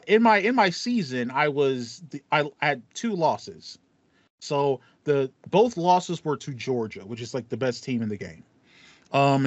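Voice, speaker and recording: A medium-pitched American man in his thirties co-hosts a podcast, trading casual talk about games. Recorded in a small, foam-treated home room, the audio is dry, band-limited, and a little dull.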